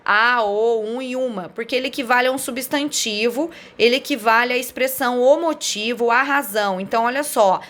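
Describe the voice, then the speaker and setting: A woman delivers a grammar lesson in a fairly high voice. She explains each rule step by step, poses questions and answers them herself, and keeps checking in with her listeners. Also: fairly quick, few pauses, a bit bright. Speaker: teacher.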